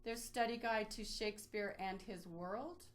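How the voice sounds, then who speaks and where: A librarian acting as a webinar trainer walks through a database tutorial by screen share, explaining each step informally. Her voice is mid-range and unhurried.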